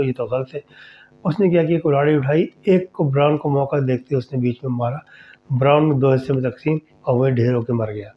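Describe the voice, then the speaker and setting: Conversational male horror storyteller. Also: mid-range voice. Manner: conversational, addresses listeners directly. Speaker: storyteller host. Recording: dull lo-fi recording.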